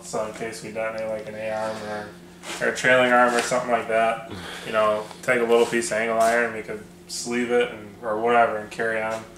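A man casually chatting about his off-road gear, relaxed and rambling with lots of fillers. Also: on the low side. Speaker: off-road video host. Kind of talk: casual garage chat. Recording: echoey room with faint noise.

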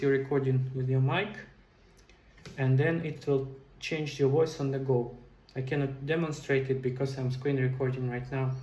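The audio is dull, with a roomy echo and faint background noise, as a middle-aged man casually explains game development steps in a screen-recorded tutorial. He speaks into a headset at a computer in a small indoor room, his medium-pitched voice a little mellow.

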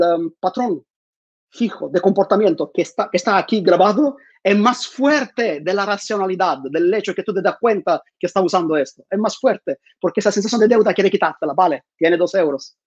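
A man gives an online conference talk from a room at home, speaking into a lapel mic with lots of fillers and repeated words. His voice sits high with a darkish tone, and the home video call sounds dull and dry, with no echo.

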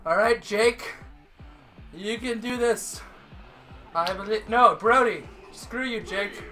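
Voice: medium pitch, slow pace, sharp tone, soft background music. A gamer giving melodramatic trash-talking commentary while out of breath from exercising. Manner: melodramatic trash talk at the game. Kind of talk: let's play commentary.

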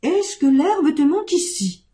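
A kindly old goat farmer, put on by a woman reading a storybook tale frets and exclaims in a raised, worried voice. He pleads slowly with his stubborn goat, his tone mellow and soft-edged. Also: high-pitched, big pitch swings, pitched above the performer's own voice. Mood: pleading.

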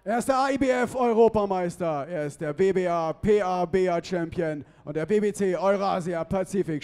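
A man announcing fighters at a boxing arena, stretching out the names in drawn-out shouts. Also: clear, resonant tone. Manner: booming, drawn-out name calls. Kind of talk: ring announcement.

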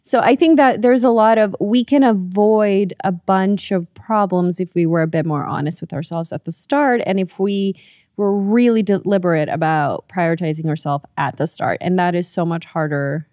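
A woman in her thirties from Serbia with a Serbian accent, a therapist guest giving thoughtful, measured explanations in casual podcast talk. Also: on the low side, darkish tone, no room sound, studio quality. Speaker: psychotherapist guest. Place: living-room podcast set. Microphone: studio mic on boom arm, headphones.

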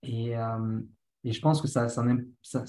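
A man's voice: medium pitch, little pitch movement, unhurried, warm tone, rough recording. A man on a video call, speaking earnestly and reflectively in a casual panel discussion.

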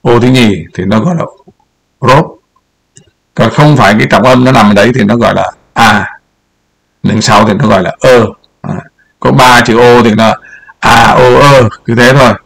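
A man's voice: medium pitch, fairly even intonation, normal speed, vocal fry, long pauses, fairly bright tone. An older man giving casual political commentary over a map, rambling and repeating words as he points things out.

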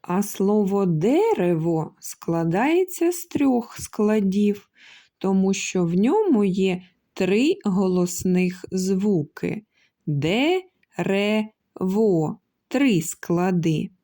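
A woman kindergarten teacher giving a slow, carefully spoken lesson for young children, drawing out syllables and calling out words to show where the stress falls. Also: mid-range voice, expressive, warm tone.

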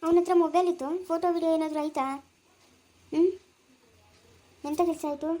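A woman playing a proud, stubborn woman police officer who gives brisk orders. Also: high voice, flat delivery, dark tone, lightly acted. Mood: worried. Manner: brisk and commanding.

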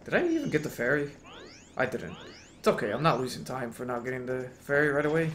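A man streaming a speedrun, greeting viewers by name and reacting with sudden excited outbursts. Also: medium pitch, fast, a little hiss or hum. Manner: greets and answers chat, bursts into excited exclamations. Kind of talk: casual live-stream chat while gaming.

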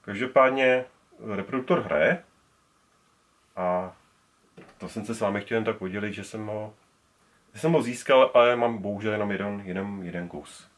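A man's voice: on the low side, pauses often. Rambling man showing off old speakers. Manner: rambling, many restarts, handles speakers while talking. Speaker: speaker collector. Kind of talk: casual show-and-tell. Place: indoor room full of speakers.

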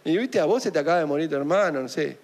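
A man preaching in an animated Argentine voice that sits high for a man. He talks like he is chatting with the congregation, throwing in jokes and rhetorical questions as he goes. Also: rapid-fire. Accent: Argentine Spanish. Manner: animated, jokey, full of asides and rhetorical questions. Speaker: pastor. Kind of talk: conversational sermon.

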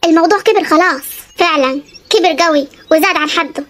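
Stubborn Upper Egyptian village husband for a cartoon , voiced by an actor; curt and dismissive, pitched high and rushed. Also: male voice, fairly bright tone, a little hiss or hum. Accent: Upper Egyptian Arabic. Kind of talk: animated comedy voice acting.

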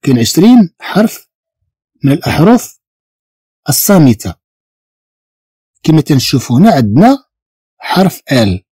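A man's voice: fairly high pitch, big pitch swings, normal speed, pauses often, warm tone, husky, dry recording. A man with a Moroccan Arabic accent teaching a beginner language lesson, patiently repeating each sound and spelling letters out.

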